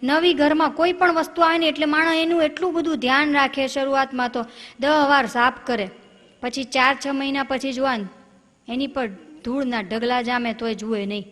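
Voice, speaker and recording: High-voiced woman comic. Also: steady tone, normal speed, a bit bright, big-room sound. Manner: chatty, addresses the audience directly. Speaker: comedian. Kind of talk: comic storytelling.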